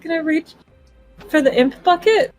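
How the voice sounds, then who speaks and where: A woman's voice: very high-pitched, animated, unhurried. A young woman chatting casually as a player in an online tabletop roleplaying game. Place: room at home, on a group video call. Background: music.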